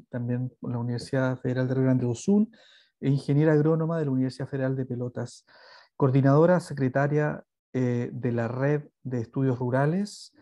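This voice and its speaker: A man in his forties reading out a speaker introduction as a seminar moderator, halting and stumbling over the text. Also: mid-range voice, dark tone, no echo. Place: small indoor room at home. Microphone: earbuds on a video call.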